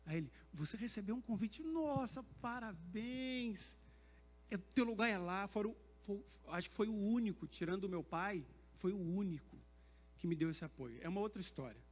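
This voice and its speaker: A man's voice: sits high, brisk, husky. A middle-aged man preaching a sermon, telling a personal story and acting out the dialogue, building to emphatic peaks. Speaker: pastor. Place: church sanctuary. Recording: long church hall reverb.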